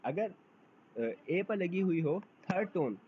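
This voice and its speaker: A man's voice: high-pitched, animated, breathy edge. A man teaching a beginner language lesson, drawing out model sounds and asking learners to repeat after him. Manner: drawn-out model sounds for drills. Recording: dull lo-fi recording, faint noise.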